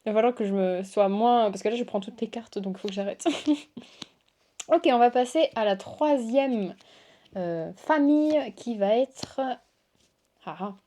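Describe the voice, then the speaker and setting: A woman's voice: fairly high pitch, measured pace, dark tone. A woman hosting a casual unboxing chat, gushing and exclamatory as she shows cards to her viewers. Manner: gushing, exclamatory, lots of waouh and oh là là. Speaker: tarot reader and channel host.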